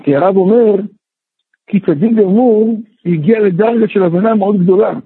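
A man, a rabbi, teaching a Torah class in an animated way, firing rhetorical questions and sometimes shouting. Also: high-pitched, slightly rough, dry recording. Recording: tinny phone-like, dry.

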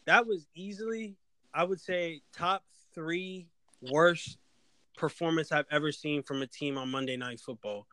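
Bright, slightly high male voice. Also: measured pace, no room sound, poor audio. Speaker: sports podcast co-host. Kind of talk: casual sports chat.

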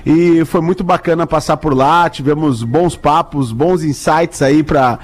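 A man's voice: fairly high pitch, a little slow. A man chatting casually as a panelist on a radio show.

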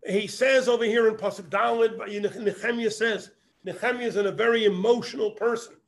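A man's voice: sits high, steady tone, normal speed. A man teaching a Torah text, reading Hebrew phrases and translating them. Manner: explains verse by verse, quoting Hebrew then translating. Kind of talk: text study lesson.

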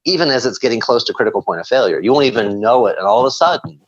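A man being interviewed, telling animated stories and acting out his own inner dialogue. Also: medium pitch, rapid-fire, lo-fi sound. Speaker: guest. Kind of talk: conversational interview.

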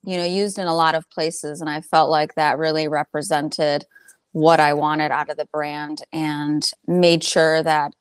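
Woman in her thirties, low voice, chatty and laughing, dry close sound. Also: little pitch movement, a little slow, smooth, dry recording. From Albanian heritage. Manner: chatty, laughs often, many fillers. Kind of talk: conversational interview.

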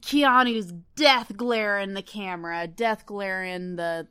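A woman's voice: medium pitch, steady tone, slow pace, pushed and bright, clear, resonant tone. A woman co-hosting a podcast in casual comedic chat, teasing with dry quips. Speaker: podcast co-host.

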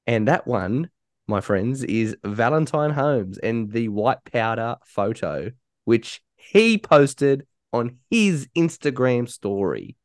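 A man's voice: mid-range voice, animated, slow, no room sound, studio quality. An Australian man hosting a sports podcast in casual, chatty style. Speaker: podcast host. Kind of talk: casual rugby league podcast chat.

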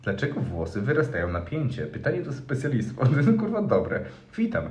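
A man's voice: mid-range voice, huge pitch swings, a little fast, darkish tone. A young man co-hosting a casual chat, swearing often, laughing, and reading forum posts aloud. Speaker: podcast co-host. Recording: echoey room.

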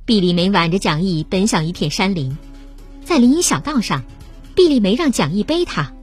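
A woman narrating a story in a steady, plain storytelling way. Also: on the low side, breathy edge. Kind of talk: scripted narration.

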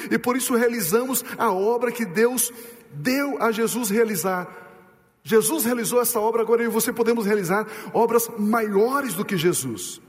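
High-voiced preaching man in a reverberant hall. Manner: emphatic preaching, rhetorical questions, slows and drops to low for stress. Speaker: pastor. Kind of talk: sermon.

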